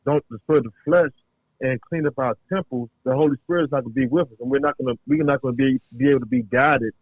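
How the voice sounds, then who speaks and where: Caller: a man on a thin phone line, halting and rambling, dry close sound. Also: mid-range voice, dry recording. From North Carolina. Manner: halting, rambling, many pauses. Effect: heard over a phone line. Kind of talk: casual call-in chat.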